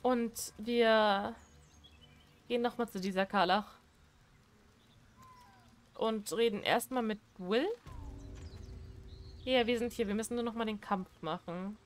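Female gamer, high voice, casual let's-play commentary, bewildered and exasperated. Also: takes it slowly, pauses often. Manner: confused, exasperated, talking to herself and the game. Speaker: gameplay streamer.

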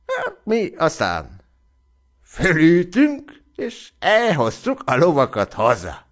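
A man voicing an eager, boastful village militiaman who reports in a raised, excited voice. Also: fairly high pitch, voice pushed up.

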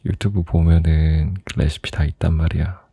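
A young man in a soft, intimate ASMR role-play as a teasing, doting boyfriend, close to the microphone. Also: very deep voice, flat delivery, moderate pace, creaky, slightly rough, no echo. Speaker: ASMR performer playing a boyfriend.

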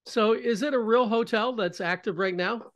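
An older male host chats over a video call, asking loose, friendly questions with plenty of fillers. His voice sits a little high. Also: moderate pace, fairly bright tone. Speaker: interview host. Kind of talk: casual video-call interview.

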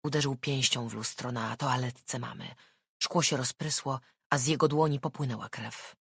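An audiobook narrator reading a thriller in a measured, even storytelling voice. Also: medium pitch, vocal fry, husky, dry recording, studio quality.

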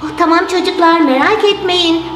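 A woman plays a calm lady doctor doll, soothing and measured. The voice sits well below childlike squeaks, in a roomy recording with music behind. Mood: reassuring.

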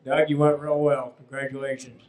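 Flat-voiced laid-back male judge, echoey hall. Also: medium pitch, a little fast, heavy background noise. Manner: laid-back, plain-spoken. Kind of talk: live critique. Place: ballroom at a charity dance gala. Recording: echoey hall, mic from afar.

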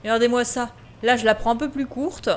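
A woman's voice: fairly high pitch, steady tone, brisk, a little hiss or hum. Chatty woman gaming host. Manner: chatty, talks straight to viewers, reads game prompts aloud. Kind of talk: casual let's-play commentary.

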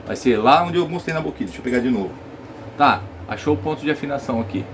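A man's voice: medium pitch, lively intonation, fast talker, slight background noise. A Brazilian man giving a casual saxophone lesson, explaining step by step and checking that viewers follow. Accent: Brazilian Portuguese. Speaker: saxophone teacher.

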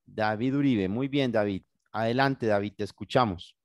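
A man's voice: fairly low pitch, moderate pace, slight background noise. A Colombian man teaching an English class over a video call in Spanish, patient and guiding, often checking in with his students. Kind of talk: online class, bilingual instruction. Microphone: computer mic on video call.

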